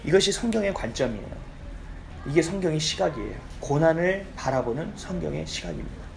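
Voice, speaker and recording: Animated male pastor preaching. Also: a little high, fairly quick, vocal fry, a little hiss or hum. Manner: lively, keeps asking the congregation for agreement. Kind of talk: conversational sermon. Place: church sanctuary.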